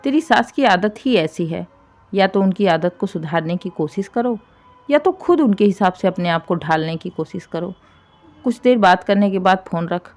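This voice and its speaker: A kind, caring mother, played by a woman storyteller, speaking softly and reassuringly to her daughter over the phone. Her tone is calm and comforting, close to the narrator's own everyday voice, in a spoken family storybook. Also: mid-range voice, normal speed, lightly acted. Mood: soothing. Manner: soothing, reassuring.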